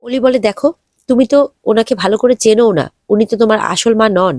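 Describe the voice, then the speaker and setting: A woman's voice: fairly high pitch, brisk, a little mellow, no echo. Dry-voiced woman recapping a serial. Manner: retells dialogue with light emotion. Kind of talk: episode recap narration.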